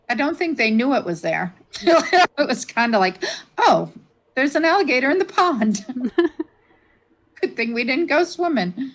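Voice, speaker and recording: A woman's voice: sits high, big pitch swings, slow pace, long pauses, low-quality recording. A woman, chatting casually as a guest and laughing often. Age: 50s. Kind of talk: casual chat.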